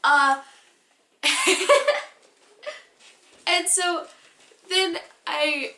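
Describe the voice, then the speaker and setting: A teenage girl with a high, bright voice tells a story-time vlog, animated and giggly with rambling asides. She talks at an unhurried pace, and her voice rings around a roomy, echoey space. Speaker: vlogger.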